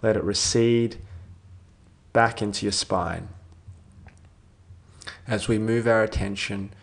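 A man narrating a guided sleep meditation in a soothing sleep-story manner, with gentle phrases that trail off softly and long pauses between them. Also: on the low side, fairly even intonation, vocal fry.

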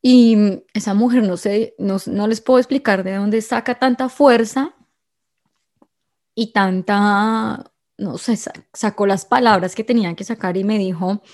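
A woman's voice: medium pitch, measured pace, darkish tone. A woman telling her viewers a personal story in an emotional, confiding way, often restarting her sentences.

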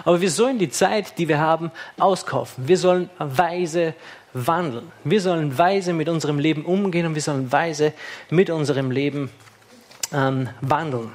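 A young man delivers a sermon. His voice sits a little high, and he talks in a relaxed, conversational way, often tossing in short tag questions to the congregation. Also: normal speed. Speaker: lay preacher.

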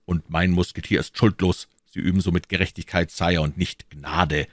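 A man's voice: low voice, steady tone, normal speed, no echo, studio quality, close to an everyday voice. A man voicing a proud, defiant musketeer captain who speaks in a firm, unyielding way.

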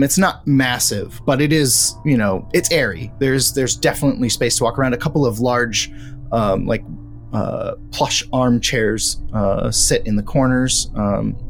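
A man narrating a tabletop horror role-play game as game master, relaxed with frequent ums. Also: mid-range voice, a little slow, soft background music.

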